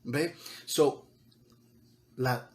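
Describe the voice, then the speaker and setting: A man's voice: medium pitch, drawn-out words, noisy background. A man preaching a sermon as pastor, talking conversationally with repeated words and building to emphatic peaks, mixing in English words.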